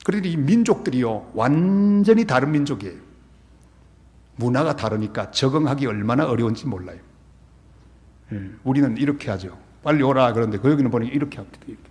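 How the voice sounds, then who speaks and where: A man's voice: mid-range voice, fairly quick. A middle-aged man preaching a revival sermon as pastor, telling stories and acting out scenes and quotes as he goes. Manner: animated, acts out scenes and quotes. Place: church sanctuary. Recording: long church-hall reverb.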